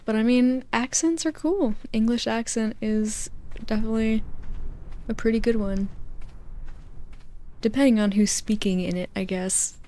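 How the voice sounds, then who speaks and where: Brief: young woman, soft-spoken ASMR host, mellow low-key tone, drifts into whispers. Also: a little slow, pauses often. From United States. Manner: gentle, rambling, with whispered asides and soft laughs. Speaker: gaming channel host. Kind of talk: soft-spoken ASMR rambling over gameplay. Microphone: close microphone, spoken softly.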